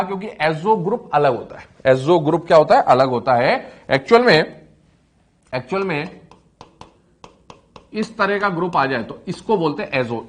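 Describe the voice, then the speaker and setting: High-voiced man teaching a chemistry class. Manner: asks questions and answers them himself, repeating key terms; addresses students as "beta". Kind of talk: classroom lecture.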